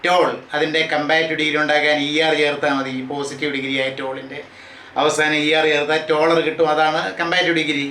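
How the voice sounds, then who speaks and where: A man lectures on grammar for exam students, his voice bright and a little high. He reads each rule out slowly, then drills the word forms one after another. The room is echoey, with a faint hum of ambience behind him. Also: flat delivery. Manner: reads English rules out slowly, then explains them at a quicker pace. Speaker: English grammar teacher.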